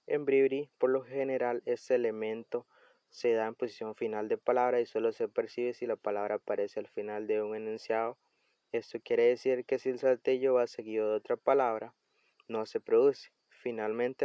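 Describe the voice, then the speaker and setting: A man's voice: medium pitch, smooth, dry recording, highs cut off. A man from Costa Rica narrating a scripted language lesson, carefully spelling out sounds and example words one at a time. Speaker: language teacher.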